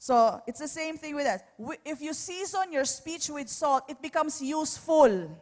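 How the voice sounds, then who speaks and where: A woman's voice: sits high, expressive, a little slow. A woman preaching a sermon to parents, switching between English and Tagalog and checking in with "Alright?" after each point. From Philippines. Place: church hall. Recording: long reverb of a church hall.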